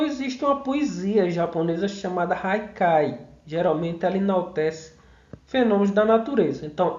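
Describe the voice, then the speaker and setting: A man's voice: high voice, darkish tone. A man giving an online mini-course lecture, explaining step by step, counting syllables aloud and often checking in with tag questions. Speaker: course instructor. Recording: roomy, dull lo-fi sound.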